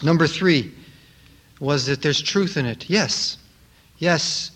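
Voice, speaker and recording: A man's voice: fairly high pitch, slow pace, fairly bright tone. A man preaching a sermon to a congregation, with an emphatic delivery that repeats key words for effect. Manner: emphatic, repetitive rhetorical delivery.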